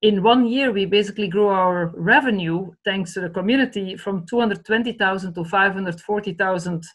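A woman's voice: medium pitch, moderate pace, low-quality recording. A woman in her fifties from Belgium with a Flemish Dutch accent, a native Dutch speaker, talking earnestly on a video call from a home study. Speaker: charity director. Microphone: laptop webcam video call.

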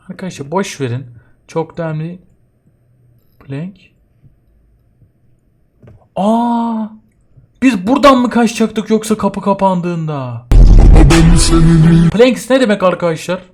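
Jumpy young man playing a horror game. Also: high voice. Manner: jumpy, yelps and jokes while scared. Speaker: gaming YouTuber. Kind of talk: horror game let's play commentary.

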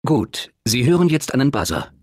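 In a German dub, a man plays a male automated announcer for a video game facility, making scripted announcements. His medium-pitched voice, close to an everyday voice, stays formal and measured, unflappable, calmly official and blandly upbeat, giving everything as polite, deadpan information. The recording is very noisy.

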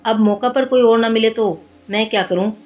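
A woman's voice: on the high side, normal speed, dull audio, natural voice. A woman doing a teasing young detective. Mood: mock-innocent. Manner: teasing, mock-innocent. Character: playful, mischievous young male detective. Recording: soft music underneath.

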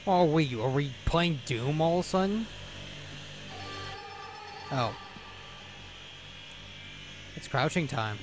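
A man's voice: fairly high pitch, expressive, slow pace, long pauses, over music. A man doing casual, jokey playthrough commentary, reacting to a video game as he plays. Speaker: gaming video host.

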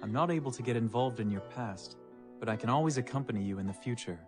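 An actor playing a devoted, quietly commanding husband in a romance game. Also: male voice, mid-range voice, fast, soft background music, natural voice. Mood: tender, firm.

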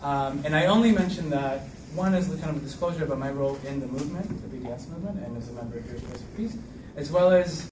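A man's voice: on the high side, fast talker, hardly any pauses, noisy background. A man from Israel speaking casually at a panel in a lecture room, joking and using many fillers. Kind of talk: public talk at a panel. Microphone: far camera. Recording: echoey room from far off.

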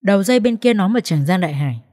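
A woman's voice: medium pitch, lively intonation, rapid-fire, dark tone. A woman narrating a sad first-person story in an emotional, tearful way.

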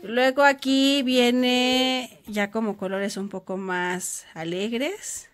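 A woman's voice: fairly high pitch, level tone, slow pace. A woman, hosting a casual family vlog at home as a mother, patiently walking her children through each step. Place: home bedroom.

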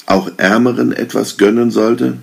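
A man's voice: mid-range voice, steady tone, moderate pace, vocal fry, breathy edge, voice pushed up. A man voicing a towering, threatening man dressed as a holy king, who lectures sternly in a storybook reading. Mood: lecturing.

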